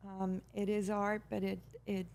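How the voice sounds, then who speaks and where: A middle-aged woman from Peru, a guest telling her story in a measured, hesitant way with many pauses and restarts. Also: medium pitch, little pitch movement, creaky, a little mellow. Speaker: guest, brand founder. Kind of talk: casual interview talk.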